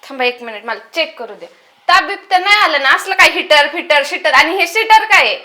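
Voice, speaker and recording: Young woman with a very high, sharp voice, a skeptical, teasing foil in a comedy sketch. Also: expressive, brisk. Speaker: trainee doctor.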